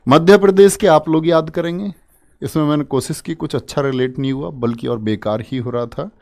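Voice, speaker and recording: A man's voice: on the high side, brisk, gravelly, a little mellow. A man teaching an exam-prep lesson in a casual, playful way, coaxing students along with jokey memory tricks. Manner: chatty, addresses listeners as "bhai".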